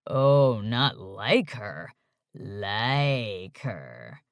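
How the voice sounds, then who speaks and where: A woman voicing a playful young man who teases his friend in a sing-song, drawn-out way. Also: a bass voice, sing-song, no echo, clean studio sound, pitched below the performer's own voice, heavily acted. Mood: teasing.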